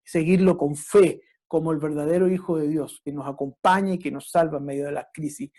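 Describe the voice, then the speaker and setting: A reflective preacher with a mellow, mid-range voice and fairly even intonation delivers a sermon. The pace is measured and halting, with restarts, and the preacher keeps checking in with listeners through tag questions.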